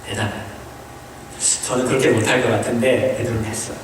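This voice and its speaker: A Korean man preaching a sermon as pastor, asking the congregation questions and mixing in short English phrases, swinging between high emphatic lines and low quiet ones. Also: little pitch movement, brisk, background noise. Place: church sanctuary. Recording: echoey church hall, voice from a distance.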